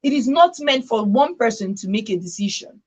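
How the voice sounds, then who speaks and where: A woman leads a radio discussion, her pitch on the high side with lively intonation and a moderate pace. Her voice is slightly rough, and the recording has its highs cut off. She's emphatic, repeating herself to stress points and checking with "right?"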